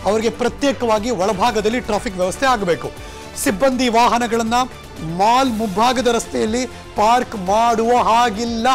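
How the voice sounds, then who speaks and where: Man, news anchor, high voice, emphatic, faint music under. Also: moderate pace. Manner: emphatic, conversational, mixes English phrases. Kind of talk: studio news presenting. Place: TV news studio.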